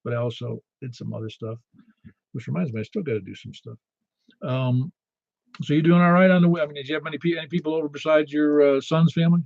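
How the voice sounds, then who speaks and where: A man's voice: fairly high pitch, quick pace, vocal fry, darkish tone, no echo. Male net host, casual and talkative, close dry sound, slightly muffled. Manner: chatty, informal. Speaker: ham radio net host. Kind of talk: casual net control chat. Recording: slightly dull, dry lo-fi audio.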